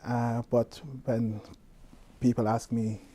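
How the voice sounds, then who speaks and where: A man from Iran, a scientist, speaking in a measured, thoughtful way in a personal interview. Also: medium pitch, completely flat delivery, warm tone.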